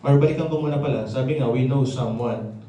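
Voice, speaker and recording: A man's voice: medium pitch, a little fast, mellow. A slightly out-of-breath man preaching a conversational sermon, checking in with the congregation often. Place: church hall. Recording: very echoey, from a distance.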